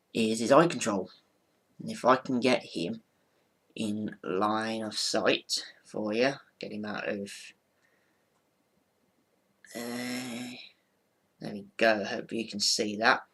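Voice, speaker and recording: A man's voice: on the low side, takes it slowly, long pauses, a bit bright, husky. A man giving an informal hands-on explanation in a rambling, matter-of-fact way, often repeating himself. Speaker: ventriloquist presenting his figure.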